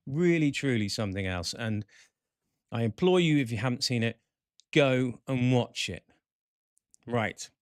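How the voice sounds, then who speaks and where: A man hosting a chat show, excitable and talkative. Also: mid-range voice, unhurried, long pauses, clean tone, no echo, studio quality. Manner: excitable, chatty, animated. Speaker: podcast host.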